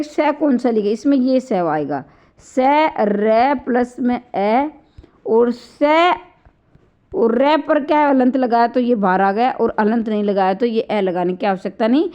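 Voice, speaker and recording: A woman with a high voice gives an online grammar lesson, going step by step and voicing each sound aloud to demonstrate. Her throat is slightly sore. The recording is dull and lo-fi. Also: darkish tone. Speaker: Hindi grammar teacher. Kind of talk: online exam-prep lecture.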